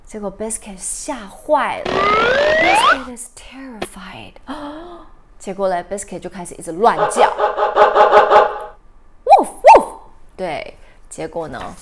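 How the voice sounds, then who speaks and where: A woman teacher telling a story to children, animated and drawing out her words while asking the listeners questions. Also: medium pitch, a little slow, very noisy.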